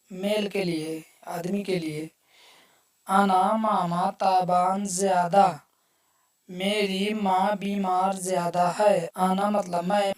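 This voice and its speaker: Slow, patient woman teaching phrases. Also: mid-range voice, darkish tone. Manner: repeats each phrase and glosses it word by word. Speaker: language teacher. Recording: voice distant from the mic.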